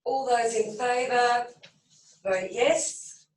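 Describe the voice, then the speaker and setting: A woman with a croaky voice chairing a council meeting as mayor, reading through the agenda items briskly. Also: on the high side. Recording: echoey room from a distance.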